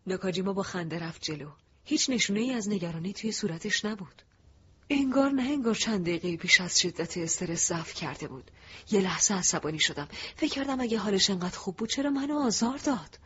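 A man narrating a first-person audiobook in a soft, reflective, emotive way. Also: sits high, lively intonation, slightly rough. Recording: dull lo-fi recording.

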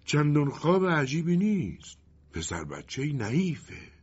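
A man voicing a sly, menacing male wind spirit in a storybook reading, with a husky voice and an insinuating delivery. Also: on the high side, big pitch swings, pitched above the performer's own voice. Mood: sly menace. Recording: dull lo-fi recording.

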